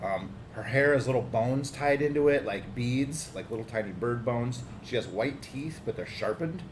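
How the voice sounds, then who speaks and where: A man's voice: mid-range voice, lively intonation, normal speed. A man narrating as game master, describing scenes casually with fillers. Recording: echoey room with background noise.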